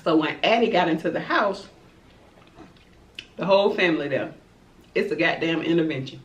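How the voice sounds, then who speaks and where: A woman's voice: sits low, lively intonation, normal speed. Chatty woman telling a story. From Florida, USA. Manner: chatty, dramatic gossip with asides to viewers. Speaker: mukbang vlogger. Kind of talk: storytime while eating. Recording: roomy, distant, dull-sounding home recording.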